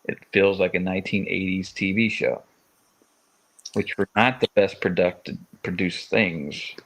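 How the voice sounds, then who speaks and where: In an unhurried, deep, gravelly and husky voice, a bit bright and fairly even in intonation, this Louisville, Kentucky man in his forties co-hosts a casual podcast live stream. He rambles, his phrasing stop-start with many restarts, and the recording is rough.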